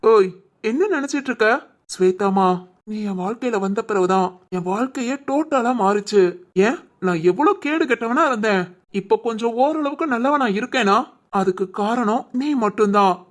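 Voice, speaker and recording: A voice actor playing a caring young husband in a cartoon, who gently teases and coaxes his wife. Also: medium pitch, lively intonation, moderate pace, lightly acted. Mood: tender, reassuring. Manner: gently teasing, coaxing. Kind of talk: cartoon voice acting.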